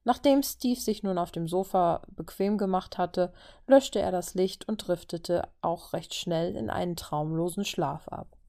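A woman's voice: lowish voice, measured pace, dark tone. A woman reading a story aloud as narrator, lifting her voice for each figure's lines. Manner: reads all figures in turn, lifting her voice for dialogue. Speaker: reader.

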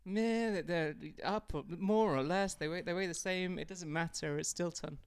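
A man co-hosting a podcast in casual comedic chat, rambling and restarting as he builds up deadpan jokes. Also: high-pitched, normal speed, clear, resonant tone. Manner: rambling, stop-start setup of deadpan jokes. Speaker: podcast co-host.

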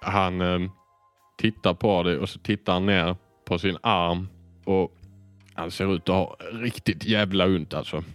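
Game master, male, low voice, easygoing and hesitant, bone-dry sound. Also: no echo, soft background music. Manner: relaxed, hesitant narration with fillers. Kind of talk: narrating a tabletop game.

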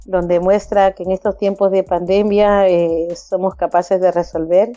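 A woman around fifty speaks with fiery conviction as an interview guest. Her voice is mellow and warm. It is recorded dry and close, with faint music underneath. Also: lowish voice, flat delivery, measured pace, dry recording, dull audio. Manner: passionate, acts out others' voices with laughter. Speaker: migrant community organizer, guest. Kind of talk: animated interview talk.

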